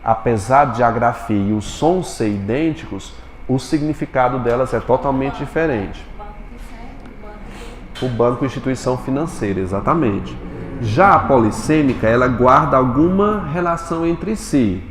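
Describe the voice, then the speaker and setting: A male teacher giving a Portuguese lesson in a classroom, quizzing his students with quick questions. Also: mid-range voice, animated, roomy sound, big-room sound, a little hiss or hum.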